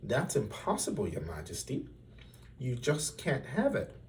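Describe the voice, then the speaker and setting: A man's voice: medium pitch, wildly swooping pitch, measured pace, far from the mic, slight background noise. Guy doing a nervous young palace page, polite and pleading, storybook style. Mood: cautious protest. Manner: anxious, deferential, pleading. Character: timid, respectful young male page who cautions his king.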